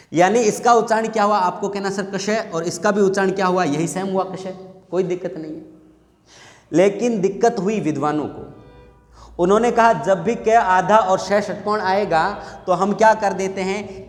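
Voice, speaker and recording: A male Hindi teacher giving an exam-prep grammar lesson. He asks the students questions, answers them himself, and repeats the key points. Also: high voice. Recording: echoey room with long reverb.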